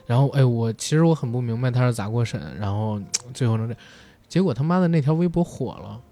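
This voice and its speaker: A man's voice: medium pitch, quick pace, dark tone. A man chatting casually and telling anecdotes in a blunt, colloquial way. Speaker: film industry commentator. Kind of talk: casual chat, animated anecdotes.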